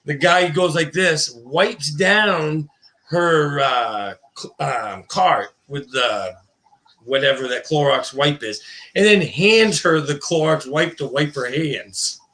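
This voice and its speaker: Bright-voiced man who says w for r. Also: a little high, takes it slowly. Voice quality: cannot pronounce R, says w for r. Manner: rambling, colloquial, self-interrupting. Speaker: guest, ball python breeder. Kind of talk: casual livestream chat.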